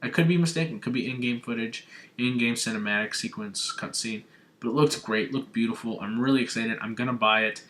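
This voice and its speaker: A young man from Arizona recapping a gaming showcase on his vlog, talking with gushing, excitable fan enthusiasm. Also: mid-range voice, brisk, a little hiss or hum. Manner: gushing, breathless fanboy enthusiasm. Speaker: gaming vlogger. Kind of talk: excited video game recap.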